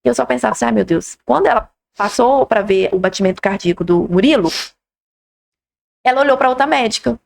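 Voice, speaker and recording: A Brazilian woman, podcast host, retelling a personal story with lively quoted dialogue. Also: fairly high pitch, fairly quick, gravelly.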